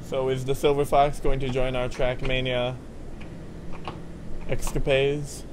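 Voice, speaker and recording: A man's voice: medium pitch, flat delivery, a little slow, noisy background. A young man hosting a casual gaming chat over a voice call, teasing and laughing often. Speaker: host.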